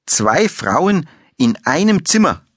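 Brief: blurting, tactless male cop, played by a man, higher and jumpy, audiobook. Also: sing-song, slow pace, a bit bright, no room sound, studio quality, exaggerated voice. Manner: blurts out, hectic. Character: young-ish male detective, hectic, crude.

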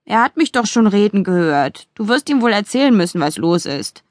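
A woman's voice: medium pitch, very animated, brisk, dry recording, close to an everyday voice. A woman voicing a cheeky male demon who lives in a big dog's body, speaking in a dry, unbothered way.

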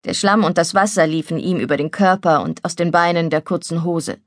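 A woman reading a novel as audiobook narrator in a calm, measured way. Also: lowish voice, dry recording. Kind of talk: scripted narration. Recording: dry studio recording.

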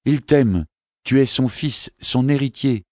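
A man voicing a queenly mother who speaks gently and reassuringly, with a fierce edge underneath. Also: medium pitch, takes it slowly, no room sound, studio quality, pitched above the performer's own voice, close to an everyday voice. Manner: gentle, reassuring, flaring sharply.

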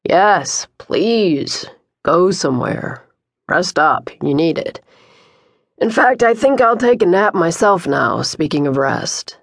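A woman voicing a dismissive, irritable middle-aged husband, gruff and curt, in an audiobook. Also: fairly low pitch, very animated, slow pace, dry recording, clean studio sound, exaggerated voice.

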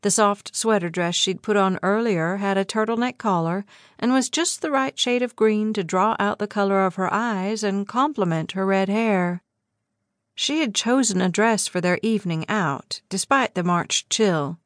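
A woman narrating an audiobook novel in a measured, steady storytelling voice. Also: medium pitch, no room sound. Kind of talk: scripted narration. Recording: dry close studio sound.

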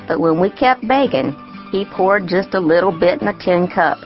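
A woman's voice: mid-range voice, highs cut off, lightly acted. A woman voicing a plainspoken ten-year-old country girl, telling her story in audiobook style with artless, rustic grammar. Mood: earnest, confiding. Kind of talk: first-person audiobook character narration.

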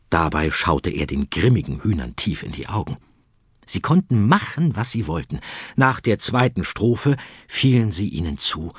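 A man reads a children's story with a playful, expressive delivery, his low, husky voice swooping up and down. The sound is close and dry, with no room around it. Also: no echo. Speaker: audiobook narrator.

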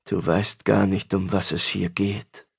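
Man doing a male sorcerer, desperate, furious, loud, shouting, audiobook figure. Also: low-pitched, level tone, a little slow, gravelly, slightly rough, voice pushed down, exaggerated voice. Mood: subdued. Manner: shouting, anguished.

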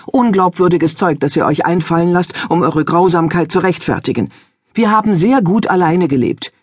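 A woman voicing a furious, grieving middle-aged village father who shouts, agitated and breathless with rage. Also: lowish voice, normal speed, breathy edge, no echo, clean studio sound, pitched above the performer's own voice. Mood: bitter.

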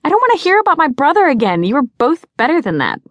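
A woman voicing a bubbly, theatrical teenage girl who teases her friends in an excitable, dramatic way. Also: fairly high pitch, moderate pace, no room sound, pitched above the performer's own voice. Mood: shrill. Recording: dry studio.

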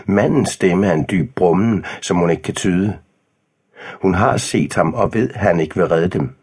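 A man narrating an audiobook in a measured, calm way. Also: low voice, breathy edge.

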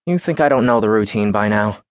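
A man's voice: on the low side, animated, brisk, dry recording, studio quality, natural voice. A male narrator voicing a joking male courthouse security guard who teases in playful banter. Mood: teasing.

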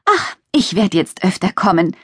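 A woman voicing a small, friendly old witch with a croaky voice in a children's storybook. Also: medium pitch, big pitch swings, moderate pace, no echo, studio quality. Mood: chatty.

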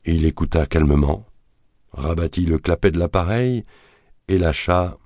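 A man narrating a thriller audiobook in a measured, dramatic reading that colors the quoted lines. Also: low voice, a little mellow, no room sound, clean studio sound. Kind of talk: scripted narration of a thriller novel.

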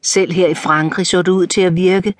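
A woman narrating a novel in the first person for an audiobook, measured and composed. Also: on the low side, steady tone, dry recording, clean studio sound.

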